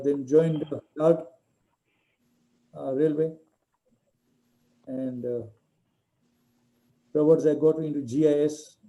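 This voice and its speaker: A man's voice: on the high side, warm tone. A man in his seventies from India, introducing himself and his career on a group video call. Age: 70s. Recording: dull lo-fi call audio.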